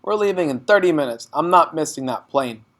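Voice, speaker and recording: A man's voice: on the high side, expressive, a little fast, fairly bright tone, voice pushed up. A man voicing a storybook father who is irritable, curt and domineering, snapping impatiently. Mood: snapping, angry.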